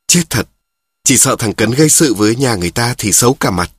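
A man's voice: mid-range voice, animated, a little fast, husky, no room sound, studio quality. A man reading a story, voicing a blunt, coarse old father who swears at his children.

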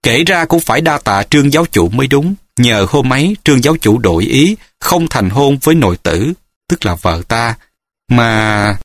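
A man's voice: mid-range voice, lively intonation, normal speed, dry recording, clean studio sound. A male storyteller voicing a smug, gloating young swordsman who speaks in a mocking tone in a martial-arts audiobook.

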